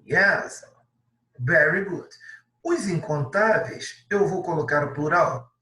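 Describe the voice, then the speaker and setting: A man's voice: fairly high pitch, lively intonation, takes it slowly, pushed and bright, echoey room, distant mic, low-quality recording. A male teacher with a Brazilian Portuguese accent, patiently correcting an exercise step by step and checking in with his students. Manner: patient, explains step by step, adds many tag questions. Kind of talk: classroom lesson correction.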